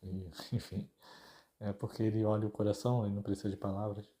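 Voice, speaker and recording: A man's voice: fairly low pitch, level tone, brisk, dark tone. A man with a Brazilian Portuguese accent, hosting a podcast in a casual devotional style, talking informally and speaking straight to his listeners. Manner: informal, conversational, addresses listeners directly. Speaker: podcast host.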